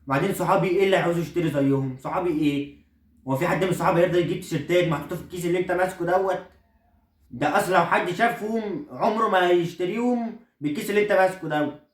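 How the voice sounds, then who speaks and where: In a comedy sketch, a man with an Egyptian Arabic accent plays an indignant teenage son, protesting with outrage and scorn as he refuses the clothes he was handed. His high-pitched voice is very fast and close to his everyday voice, and the recording has a roomy echo with him far from the mic.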